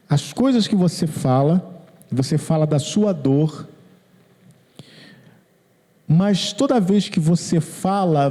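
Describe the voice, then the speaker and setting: A man's voice: fairly high pitch, dark tone. A man, preaching a sermon as pastor, earnest and repeating his phrases, quoting people in their own words. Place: church hall. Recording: long hall reverb.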